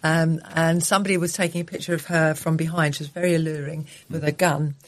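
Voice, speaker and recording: A woman's voice: sits low, flat delivery, fast. A middle-aged woman, co-hosting a radio show, chatting, laughing and telling rambling stories. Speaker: radio co-host. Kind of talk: casual radio chat.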